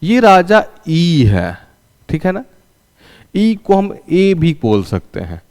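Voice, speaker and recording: A man's voice: on the high side, huge pitch swings, slow pace, a little mellow, big-room sound. A male teacher giving a classroom English lesson, asking questions and answering them himself and having students repeat after him. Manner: calls students "raja".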